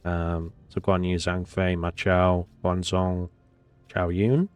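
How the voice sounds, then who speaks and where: This deep-voiced man speaks slowly and levelly, his tone smooth and darkish, with faint music behind and no echo. Nasal from a cold, he gives casual gameplay commentary that wanders and stalls on plenty of fillers.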